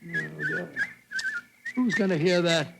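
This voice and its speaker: An actor playing a fretful, grumbling older British doctor in a 1940s style radio play, fussy and blustering. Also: male voice, sits high, animated, unhurried. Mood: gloomy. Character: fretful, grumbling, loyal older male doctor, detective's companion. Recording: noisy vintage radio recording.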